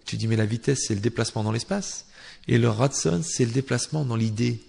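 A man teaching a Torah class who argues with imagined objections and swings from quiet asides to loudly recited Hebrew verses, with a teasing tone. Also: medium pitch, brisk, vocal fry, slightly rough. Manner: joking, teasing tone with listeners. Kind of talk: Torah class to a live audience.

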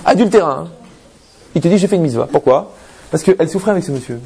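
Male rabbi, lively storyteller with a raised voice and a rough, fry-laden edge. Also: fairly high pitch, fast. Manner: lively storyteller, rhetorical questions, frequent "d'accord?". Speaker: rabbi teaching a religious talk. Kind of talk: anecdotal religious talk to an audience.

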